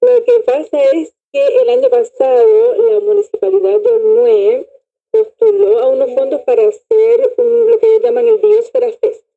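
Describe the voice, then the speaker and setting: A woman from Puerto Rico, a theater director, telling her story in an animated, expressive way during a radio interview. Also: very high-pitched, vocal fry. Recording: dull lo-fi call audio.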